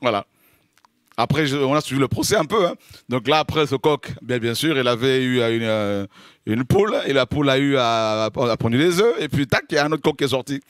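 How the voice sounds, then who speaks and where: A man from the French Caribbean preaching an informal sermon, humorous and lively, laughing often and acting out little scenes as he teaches. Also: mid-range voice, a little fast, dry recording, clean studio sound.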